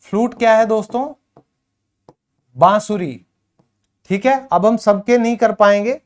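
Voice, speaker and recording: A man's voice: high-pitched, a little slow. A man teaching an English pronunciation lesson, repeating words emphatically to drill them.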